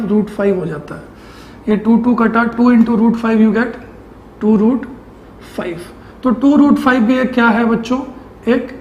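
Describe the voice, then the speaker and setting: A man's voice: high-pitched, a little mellow, roomy sound, highs cut off, a little hiss or hum. A man teaching a math lesson to students, going step by step and asking and answering his own questions, mixing English terms into his speech.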